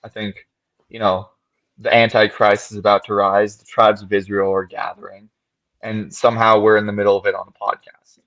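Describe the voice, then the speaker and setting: A man's voice: fairly low pitch, little pitch movement, normal speed, a bit bright, lo-fi sound. A man on a podcast talking through ideas at length in casual discussion, often checking in with "right?". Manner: thoughtful, explains at length with frequent "right?". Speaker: podcast co-host.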